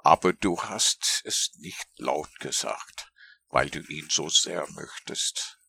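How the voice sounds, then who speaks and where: A man reading a children's storybook aloud, gentle and lilting in his telling. His voice is very low, with a gravelly, husky texture and a bright edge, and his pitch swings widely. The sound is dry and close. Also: lively intonation, slow, dry recording.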